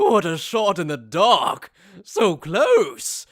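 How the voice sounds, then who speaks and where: A man's voice: high-pitched, fairly bright tone, dry recording, clean studio sound, full character voice. A man playing a smug, sadistic aristocratic death god, with mocking, overacted anime-dub theatrics. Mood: gleeful, teasing. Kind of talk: anime fan-dub character acting.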